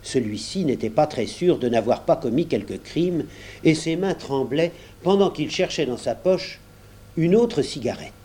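A man reading a storybook aloud in a measured, unhurried storytelling manner. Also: on the high side, lively intonation, mellow, slightly rough. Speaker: audiobook narrator.

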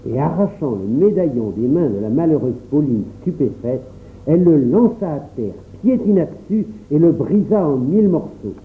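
A man narrating a storybook in a calm, measured first-person reading. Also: on the high side. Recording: tinny phone-like sound, faint noise.

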